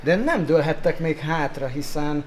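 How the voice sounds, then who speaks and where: A man's voice: fairly high pitch, animated, noisy background. A man interviewing wrestlers backstage with a handheld mic, asking teasing, pointed questions.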